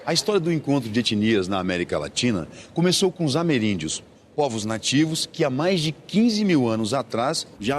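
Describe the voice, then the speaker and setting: Male documentary narrator, lively pitch. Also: a little hiss or hum.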